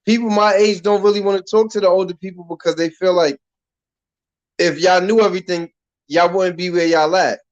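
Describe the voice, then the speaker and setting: A man in his thirties from Harlem hosts a talk-radio conversation, and his voice sits notably high for a man. He talks casually and loosely in street slang, often starting a sentence over before he finishes it. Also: steady tone, brisk, highs cut off. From Harlem, New York. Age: 30s. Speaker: radio show host.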